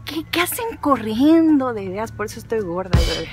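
Walking through an outdoor park, a woman with a Mexican accent vlogs casually, chatting playfully and rambling to herself and the camera. Her voice is a little high and sing-song, her pace moderate, with soft music in the background.

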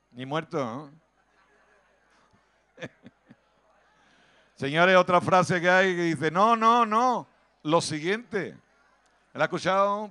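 A man with an Andalusian accent performs stand-up comedy at an outdoor festival, ribbing the crowd in a chatty way. His voice sits a little high for a man, and he keeps jumping into quick put-on voices. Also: sharp tone. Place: outdoor town square festival.

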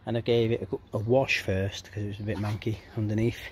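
This DIY vlogger rambles informally as he films himself in his back garden on a handheld camera or phone. His voice is lowish and flat, and he talks fairly quickly. Outdoor ambient noise fills the handheld recording.

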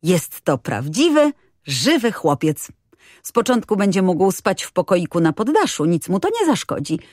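A woman's voice: on the low side, very animated, normal speed, a little mellow, no room sound, clean studio sound. A woman reading an audiobook, voicing a cheerful, chatty little girl who talks eagerly.

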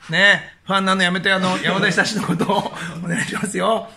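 A middle-aged man presenting to a handheld camera in a hotel room, animated and jokingly scolding in casual chat. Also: sits high, a little fast, reverberant, a little hiss or hum. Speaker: prankster presenter, DJ.

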